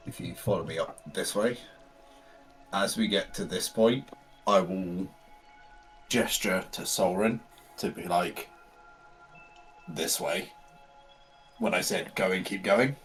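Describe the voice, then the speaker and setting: Slow-talking, low-voiced man playing a game. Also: a bit bright, faint music behind, rough recording. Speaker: tabletop game player. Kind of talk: casual game chat, describing character's actions.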